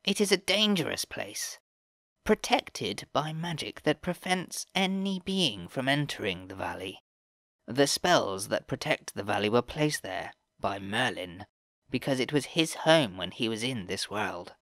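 A man voicing a wise, calm elder fae woman in an audiobook, speaking slowly in a measured, formal way. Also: mid-range voice, dry recording. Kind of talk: audiobook character voice.

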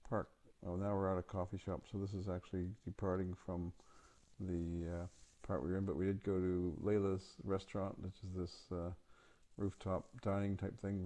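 A man giving a casual, halting voice-over for his holiday photos, with many ums and uhs. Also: low voice, creaky, warm tone. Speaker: travel vlog narrator.

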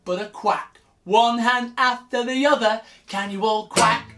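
A man's voice: extremely high pitch, fairly even intonation, unhurried, fairly bright tone. A young man leading an interactive children's music class, singing and cheering the kids on while he plays. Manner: upbeat, encouraging, sings and prompts children. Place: small room with guitars on the wall, indoors. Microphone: camera in front, seated with acoustic guitar. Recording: guitar accompaniment throughout.

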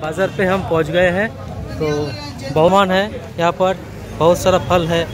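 A man's voice: high-pitched, level tone, normal speed, music in the background, a crowd in the background. A young man in his twenties, talking to viewers in a friendly way as he films on a phone held at arm's length, walking outdoors through a busy market. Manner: friendly, addresses viewers directly. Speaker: vlogger. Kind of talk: casual vlog narration.

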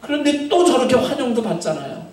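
A high-voiced, middle-aged pastor tells stories in a very animated sermon, holding a microphone in front of a small chapel's altar. Long pauses break up his speech, and his phrases fade softly at the ends. Heavy echo fills the recording, which sounds as if made from a distance.

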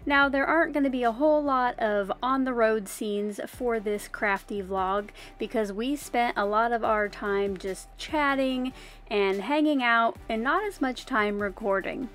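An unhurried woman with a slightly high, fairly bright voice vlogs about crafts. In her forties, she talks in a friendly, upbeat way into a phone at arm's length, moving between a car and an outdoor rest area, with some voice-over narration.

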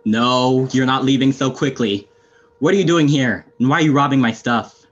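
Stern, deadpan male fighter acted by a man, muffled. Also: mid-range voice, normal speed, close to an everyday voice. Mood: weary, impatient. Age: young adult. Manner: deadpan, curt, sardonic. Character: stern, weary, menacing male anarchist fighter. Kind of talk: amateur video game role-play drama. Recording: muffled lo-fi headset audio.

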